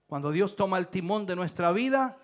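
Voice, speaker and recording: Male pastor, very animated delivery with a high pitch and sudden shouted lines. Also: normal speed. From Chile. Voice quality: dramatic preaching, bursts into shouts. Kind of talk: sermon. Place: church.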